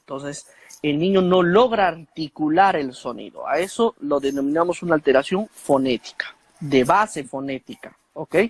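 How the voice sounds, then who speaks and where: Appearing as a guest expert on speech disorders, a man explains things in a teaching manner, full of fillers and tag questions. His voice is fairly high and slightly rough at a normal speed, with no room sound.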